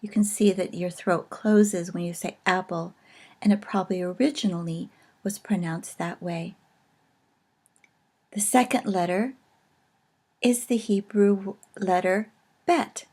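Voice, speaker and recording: A woman teaching in a recorded video lesson, explaining slowly and carefully with pauses. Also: mid-range voice, a little mellow.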